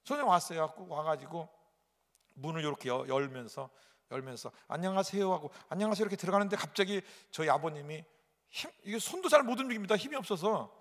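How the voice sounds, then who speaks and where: A male pastor preaching a sermon, telling a personal story dramatically with sudden loud outbursts and repetition. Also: a little high, animated, quick pace. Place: large church sanctuary. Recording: echoey church hall.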